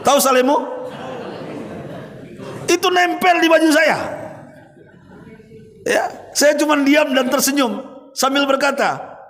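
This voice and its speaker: A man preaching an animated sermon, calling out to the congregation. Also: very high voice, a little slow, pauses often. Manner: animated storytelling, calls out to congregation. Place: large mosque hall. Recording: reverberant mosque hall.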